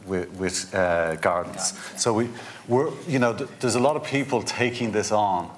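Low-voiced man, urgent. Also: moderate pace. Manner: urgent, insistent, stumbles on restarts. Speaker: panelist. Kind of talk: panel discussion. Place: indoor conference stage.

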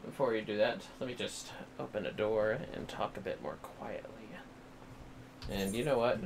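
Against a noisy background, a man with a low-leaning voice talks at normal speed while livestreaming games from home. He mumbles to himself and drops playful remarks for his chat.

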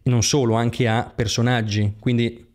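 A man with an Italian accent in casual conversation, his voice sitting in a middle pitch. He talks in lively bursts and slips into voiced quotes as he explains his views. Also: a little slow. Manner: animated storyteller, acts out quotes. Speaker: guest, online entrepreneur.

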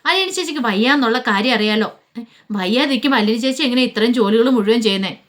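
A woman voicing an outspoken teenage girl, a lively younger sister who talks in a protesting way. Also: fairly high pitch, fast, natural voice.

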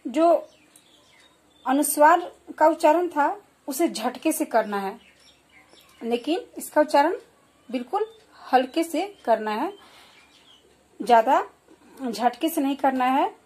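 A woman giving a slow, clear children's lesson, explaining and repeating example words. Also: sits high, animated, darkish tone. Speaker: primary school teacher.

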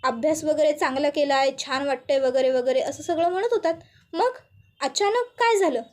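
A woman voicing a gentle young husband who jokes and coaxes while second-guessing himself. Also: high-pitched, moderate pace, natural voice. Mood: teasing.

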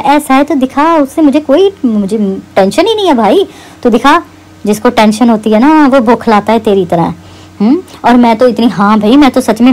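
A woman's voice: high voice, a little mellow, low-quality recording. A woman YouTuber, delivering a heated, mocking rant to camera against a rival and repeating her jabs.

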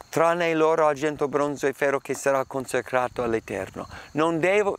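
A man's voice: mid-range voice, vocal fry. A man preaching a sermon and explaining a Bible passage in an earnest, emphatic way. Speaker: pastor.

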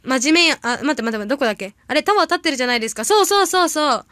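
A young woman with a bright, high voice chats casually to her livestream audience. She rambles through stories and reacts quickly to comments. The sound is dry, with no room echo. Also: expressive. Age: young adult. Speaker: idol audition candidate livestreaming. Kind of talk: casual livestream chat reading viewer comments.

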